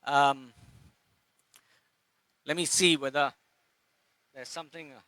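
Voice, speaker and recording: A Singaporean man giving an impassioned public speech at a rally, with halting pauses and restarts. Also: fairly high pitch, steady tone, bright, forceful tone, dry recording.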